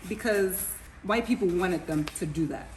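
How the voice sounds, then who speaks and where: A woman chatting casually as an interviewer in a restaurant. She is animated, laughs often and turns to talk to her viewers. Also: lowish voice, normal speed, a little hiss or hum. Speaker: interviewer, vlogger. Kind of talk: casual chat. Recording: clear background music.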